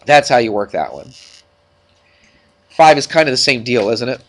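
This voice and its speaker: In a classroom, a man with a stuffed-up nose teaches math through worked problems. His medium-pitched voice is sing-song and moderately paced, and his informal style keeps returning to frequent questions for the students.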